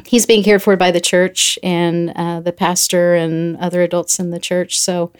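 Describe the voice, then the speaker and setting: Woman telling a lively story. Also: fairly low pitch, normal speed, clean tone. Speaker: guest. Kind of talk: casual storytelling chat.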